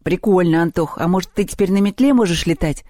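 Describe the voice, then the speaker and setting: A reader voicing a cheerful boy who jokes in a lively way. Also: mid-range voice, quick pace, dry recording, studio quality, close to an everyday voice. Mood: joking. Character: cheerful joking boy, easily deflated.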